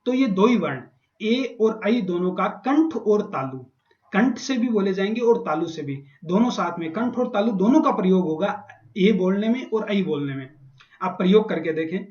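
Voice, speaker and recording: A man's voice: sits high, lively intonation, normal speed, darkish tone. A man teaching Sanskrit grammar in a lecture, patiently repeating and spelling out sounds. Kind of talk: classroom lecture explaining grammar. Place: college classroom. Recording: echoey dull classroom recording.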